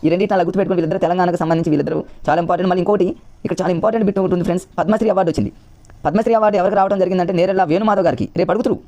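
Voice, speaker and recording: A man's voice: sits high, rapid-fire, dark tone, muffled recording. A man coaching exam candidates, explaining memory tricks in a repetitive, coaxing way and often calling his viewers friends. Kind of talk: rapid classroom-style explanation.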